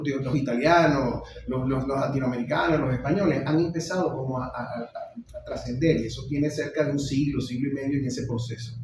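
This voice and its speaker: Man lecturing in an echoey hall. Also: mid-range voice. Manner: expressive, with frequent restarts. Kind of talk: public lecture on theater. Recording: echoey hall, mic far off, faint noise.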